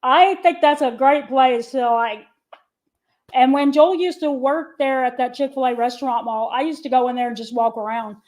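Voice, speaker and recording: A woman's voice: high voice, moderate pace, darkish tone, poor audio. A woman chatting casually as co-host of a livestream, laughing often and reading comments aloud. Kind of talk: casual chat.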